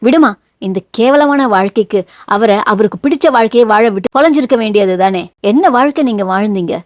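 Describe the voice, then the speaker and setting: A woman's voice: on the high side, lively intonation, brisk, no echo, natural voice. A woman reading the lines of an angry young man who scolds his wife and mother over his sister in a novel. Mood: furious scolding. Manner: scolding, biting outbursts.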